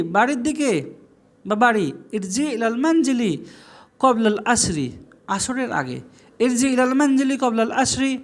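A man teaching an Arabic lesson, saying phrases slowly and repeating them before explaining each one in everyday speech. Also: high-pitched. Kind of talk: classroom lesson.

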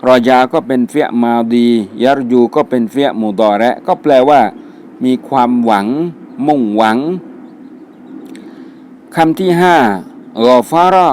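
A man's voice: medium pitch, unhurried, darkish tone, a little hiss or hum. A man teaching a religious studies class, reading out Arabic vocabulary words twice each and then giving their meanings. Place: mosque.

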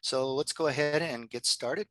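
A man's voice: medium pitch, normal speed, pushed and bright, no echo, poor audio. A man, a university librarian, giving a chatty workshop presentation over a video call from his home office, with frequent ums and uhs.

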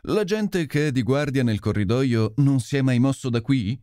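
A man voicing a commanding, sharp detective. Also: medium pitch, animated, normal speed, no echo, clean studio sound, natural voice. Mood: commanding, urgent. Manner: commanding, urgent.

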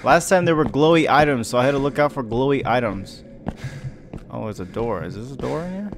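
Expressive and brisk, this medium-pitched young adult man acts as a scared horror streamer in his bedroom. Game music runs underneath his casual, jumpy commentary, which is packed with swearing and panicky exclamations said again and again.

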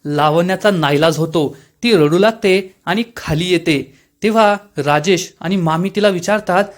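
Unhurried and steady, a man with a very high-pitched voice narrates the plot of a TV episode for a serial review. His narration is scripted, and he voices the characters' dialogue without altering his tone.

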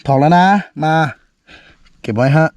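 A young man casually vlogging a firecracker experiment outdoors, with lots of excited exclamations and talk straight to his viewers. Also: unhurried, no echo, dull audio. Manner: excited exclamations, addresses viewers as brothers and sisters.

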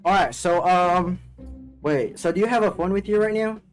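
A man's voice: sits high, normal speed, faint music behind. A young man talking casually on a video chat, laid-back and repeating himself often. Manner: laid-back, repeats "you know what I'm saying". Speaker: online video prankster.

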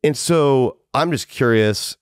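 A man's voice: medium pitch, slow, clear, resonant tone, dry recording, clean studio sound. A man in his fifties hosting a podcast interview, rambling and casual, swearing and poking fun at himself. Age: 50s. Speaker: podcast host.

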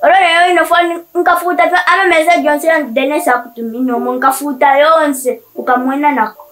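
A woman's voice: high voice, fairly even intonation, a little fast, a bit bright. A woman acting in an amateur film, giving orders and instructions.

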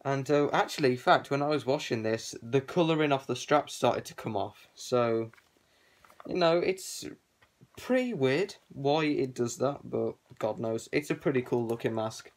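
A man's voice: medium pitch, expressive, normal speed. A young man talking through a balaclava, casually rambling with lots of hesitation as he shows off his collection. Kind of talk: casual show-and-tell vlog.

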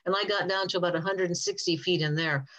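An older woman scientist answering questions in a relaxed, rambling way over a video call. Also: on the low side, quick pace, poor audio. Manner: chatty, rambling, self-correcting. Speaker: guest speaker, cave diving scientist.

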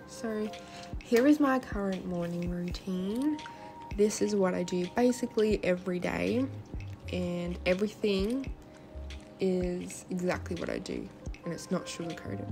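A young woman with a lisp and slushy s sounds, narrating her daily routine in a chatty, informal vlog voice-over. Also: lowish voice. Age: young adult. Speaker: vlogger. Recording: background music. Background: music.

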